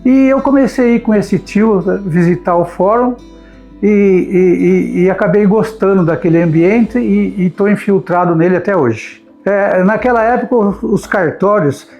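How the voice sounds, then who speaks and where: Brazilian man in his 70s, oral-history interviewee, rambling and repetitive, pitched high for a man, faint music under. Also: moderate pace, a little mellow. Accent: Brazilian Portuguese. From Brazil, São Paulo state. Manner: rambling, repeats words while searching. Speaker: notary interviewee.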